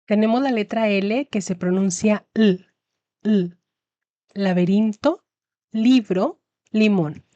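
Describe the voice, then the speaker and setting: A woman's voice: mid-range voice, warm tone, dry recording, highs cut off. A woman teaching Spanish in a scripted lesson narration, carefully pronouncing each example word. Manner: slow, careful enunciation of example words.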